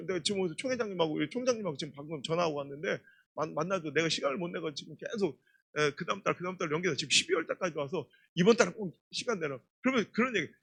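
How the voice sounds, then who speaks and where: High, animated Korean revival preacher. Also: male voice, husky. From Chungcheong, Korea. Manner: animated, emphatic, storytelling. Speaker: guest pastor. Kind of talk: revival sermon.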